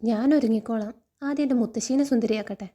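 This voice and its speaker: A humble young housemaid, read by a woman telling the story, polite and hesitant. The voice is a little high, and dark and mellow in tone. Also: quick pace, lightly acted. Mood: shy polite.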